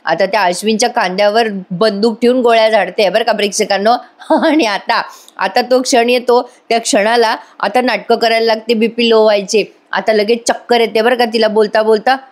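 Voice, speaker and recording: An excited woman, the reviewer in her own voice recapping a TV serial in voice-over. She speaks straight to her viewers in a dramatic, lively way. Her voice sits a little high. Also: brisk.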